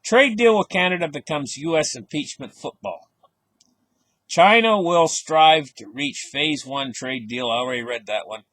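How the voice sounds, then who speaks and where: A man's voice: fairly high pitch, lively intonation, measured pace, a bit bright, no room sound. A man giving casual market commentary, reading out headlines and stressing words with a skeptical, offhand manner. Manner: casual grammar, frequent fillers.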